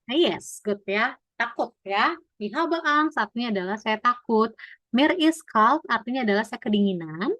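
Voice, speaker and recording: A woman's voice: a little high, lively intonation, normal speed, fairly bright tone, dry recording. A woman teaching German in an online class over a video call, explaining patiently, mixing in English and quizzing her students.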